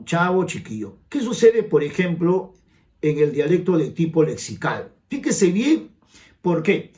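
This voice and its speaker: A man's voice: fairly high pitch, a little mellow. A Peruvian man with a Peruvian Spanish accent, teaching a grammar lesson for an admission exam and asking the viewers rhetorical questions. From Peru. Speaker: language teacher.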